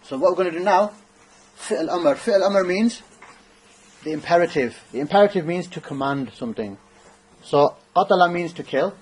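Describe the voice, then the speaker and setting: A man's voice: high voice, expressive, moderate pace, breathy edge, rough recording. A man teaching an Arabic grammar class, thinking aloud and checking in with his students. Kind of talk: classroom lesson.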